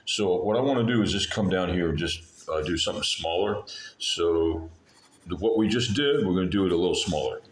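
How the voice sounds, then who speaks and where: Very low-voiced man, halting and meandering. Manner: halting, meandering, often breaks off and rephrases mid-sentence. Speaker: art lesson video host. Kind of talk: rambling informal drawing tutorial talk. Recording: echoey room with faint background noise.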